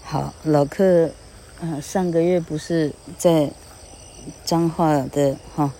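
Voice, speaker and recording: This older woman has a deep, mellow voice and a Taiwanese Mandarin accent. She teaches English grammar in a chatty, rambling way, often closing phrases with "ha" and spelling words one letter at a time. Faint insect chirping and background noise sit under her voice. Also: steady tone, takes it slowly. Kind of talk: casual spoken lesson.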